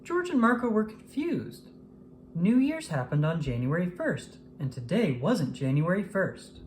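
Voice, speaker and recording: In a low voice and at a steady, measured pace, a woman reads aloud a story for children, her intonation lively and expressive for young listeners. Background noise can be heard behind her.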